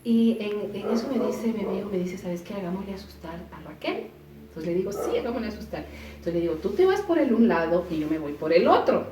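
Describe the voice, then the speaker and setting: A woman casually telling a personal story, acting out quoted voices with sudden jumps in pitch. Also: animated, fairly quick, warm tone. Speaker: storyteller recounting an experience. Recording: roomy echo, voice from a distance, faint noise.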